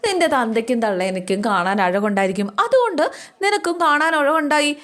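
A woman voicing a fond old grandmother who cannot walk, pleading and gently scolding. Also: sits high, big pitch swings, fairly quick, voice pushed up. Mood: coaxing.

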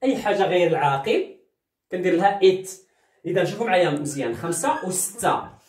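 A man's voice: high-pitched, lively intonation, a little mellow, distant mic. Moroccan man teaching in an echoey room. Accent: Moroccan Arabic. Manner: drills words with repetition, slow careful English. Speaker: English teacher. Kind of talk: beginner language lesson.

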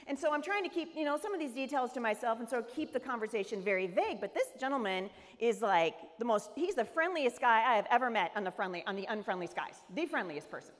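A woman's voice: fairly high pitch, quick pace, few pauses. A middle-aged American woman giving a humorous storytelling sermon, acting out the people in her story. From United States. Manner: animated, humorous storytelling with character voices. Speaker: speaker. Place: large event hall. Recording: echoey hall reverb.

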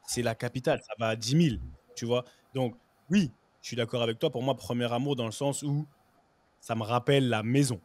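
Man, guest ex-footballer, casual storytelling, frequent fillers, mid pitch, dry close sound. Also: fairly quick, dry recording. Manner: lively anecdotes, "tu vois" fillers, bits of English. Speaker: guest, former pro footballer.

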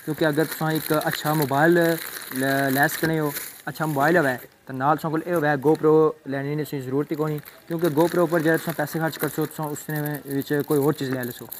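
A man's voice: a little high, fairly even intonation, fairly quick, background noise. Young man demoing a helmet phone mount. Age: young adult. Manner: rambling, repeats "thik ai" and "check karne aan". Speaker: motovlogger. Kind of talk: casual unboxing and setup demo. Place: outdoors on a rooftop, then a roadside.

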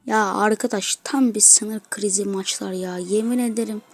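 A woman giving excitable gameplay commentary as a gaming video host, trash-talking opponents as she plays. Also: medium pitch, normal speed, loud music behind the voice. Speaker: gaming YouTuber.

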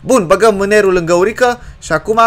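A man giving jokey let's-play commentary on a horror game, excitable and given to sudden loud yelps. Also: sits high, faint music behind. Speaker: gaming YouTuber.

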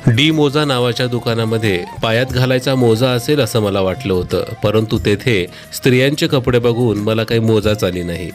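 A man in his thirties giving a scripted, deadpan comic voice-over for a travel vlog. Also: medium pitch, normal speed, hardly any pauses, soft background music. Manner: deadpan wry humor.

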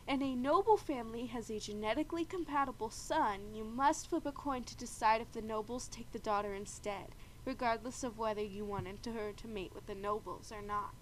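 In a slightly high, stuffy voice, a woman who has had a bad cold casually hosts a video game, describing play and laying out the rules. She chats and explains freely, clearing her throat often, over poor audio and steady background noise.

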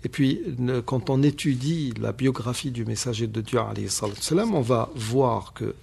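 A man, hosting a radio discussion on Islam and explaining points in a measured, emphatic way. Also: mid-range voice, vocal fry, a little mellow, a little hiss or hum. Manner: measured, emphatic, firm rebuttals, many repetitions. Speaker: radio show host on Islam.

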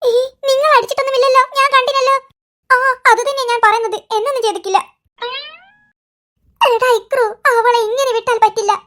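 A performer voicing squabbling cartoon kids and their mother, bickering in a squeaky, sped-up comic style. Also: fairly even intonation, a little fast, pushed and bright. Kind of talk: cartoon character voices.

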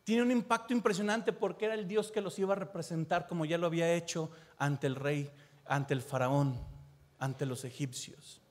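A pastor delivers an impassioned sermon in a fairly high voice. He builds on repeated phrases and puts direct questions to the listener. His voice rings out with a long reverb in a large church hall. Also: moderate pace, darkish tone.

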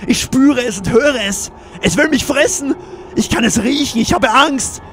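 A man's voice: very high voice, normal speed, fairly bright tone, faint music behind. A man voicing a despairing man lost in a maze, reading out his diary with broken, repeating, pleading phrases.

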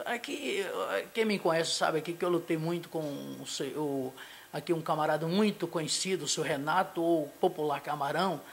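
A middle-aged Brazilian pastor stumbles through a local TV interview, holding a handheld mic in a small studio before a logo backdrop. He sounds hesitant, full of fillers, restarts, and tag questions, and his voice is slightly high and a bit bright.

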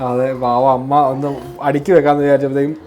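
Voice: medium pitch, flat delivery, very fast, darkish tone, faint music behind. A family vlogger chatting casually and narrating the day's goings-on to the camera. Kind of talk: casual family vlog chat.

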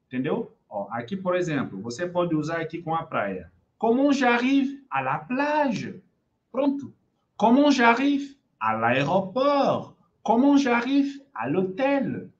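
A woman's voice: medium pitch, sing-song, slow, lo-fi sound. A Brazilian woman with a Brazilian Portuguese accent, teaching an online French lesson. She repeats each phrase patiently and keeps checking in with her students.

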